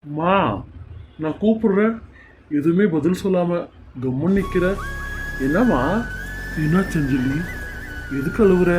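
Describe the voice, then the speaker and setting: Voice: medium pitch, unhurried, pauses often, over music, close to an everyday voice. A performer voicing a young husband who coaxes and fusses over his pregnant wife in an amateur serial story. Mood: coaxing. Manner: coaxing, then alarmed and pleading.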